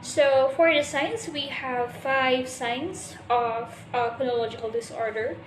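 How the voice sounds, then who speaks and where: A student presenter with a high voice explains her class presentation step by step, hesitating often and restarting sentences. The recording has a roomy echo and slight background noise.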